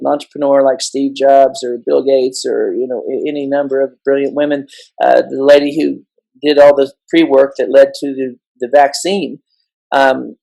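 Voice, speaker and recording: Husky middle-aged guy on a podcast, fired up and emphatic, cracks jokes. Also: on the high side, darkish tone, rough recording. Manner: impassioned, emphatic, jokey. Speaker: guest educator. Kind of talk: casual interview storytelling.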